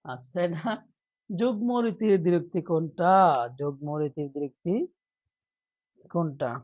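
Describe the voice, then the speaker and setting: A man whose slightly high voice is expressive and dark teaches a live online class at normal speed on lo-fi sound. Before teaching, he playfully acts out a mock plea, and he quizzes the students by repeating questions and urging answers.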